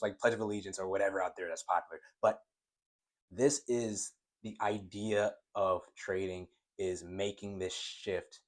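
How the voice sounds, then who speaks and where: A man teaching trading at a whiteboard in a casual way, who stutters and talks straight to his viewers. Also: sits low. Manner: stutters when excited, talks to viewers as guys. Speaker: trading coach.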